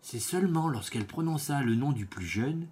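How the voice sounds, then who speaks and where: A man reading a fairy tale aloud, slow and expressive, with small slips and self-corrections. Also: mid-range voice, husky. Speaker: storyteller.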